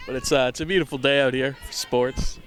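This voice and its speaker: A young man, doing offhand, self-deprecating live commentary of a softball game from outdoors on a headset mic. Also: mid-range voice, steady tone, a little fast, a little hiss or hum. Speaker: camera operator and commentator. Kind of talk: casual live sports commentary.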